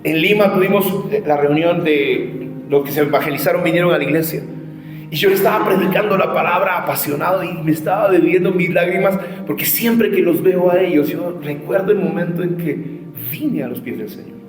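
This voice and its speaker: A man preaching at an evangelism seminar, passionate, swinging from shouted challenges to quiet storytelling. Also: sits high, a little fast. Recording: echoey hall with faint music.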